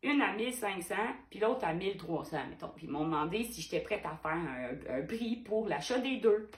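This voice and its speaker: A woman's voice: mid-range voice, expressive, normal speed, echoey room. A woman painter with a Québécois French accent, talking frankly and animatedly to her viewers, firing rhetorical questions. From Quebec. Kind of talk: direct-to-camera vlog.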